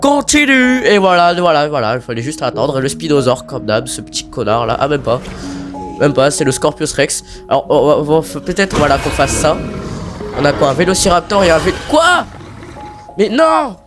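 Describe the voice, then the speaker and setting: A man giving casual, excitable commentary on his own gameplay, pleading with the game and swearing casually. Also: on the high side, a little fast, music in the background.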